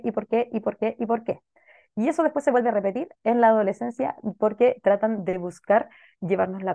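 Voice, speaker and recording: Gravelly-voiced woman psychologist, unhurried. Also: medium pitch, dark tone, no echo, dull audio. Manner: thoughtful, many fillers and checking "¿ya?". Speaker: child and adolescent psychologist. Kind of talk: advice talk answering a listener question.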